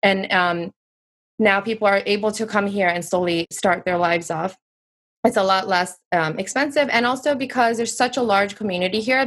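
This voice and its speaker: Here a thirty-something American woman, medium-pitched and a bit bright, is the guest in a relaxed interview. Her talk wanders in a chatty, thoughtful way, heavy on fillers.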